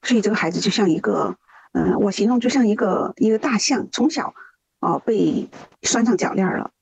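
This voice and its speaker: Husky-voiced woman telling a case earnestly. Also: medium pitch, animated, brisk, darkish tone, no room sound, poor audio. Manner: earnest, hesitant, many fillers. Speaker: rescue volunteer guest. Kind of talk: podcast interview storytelling.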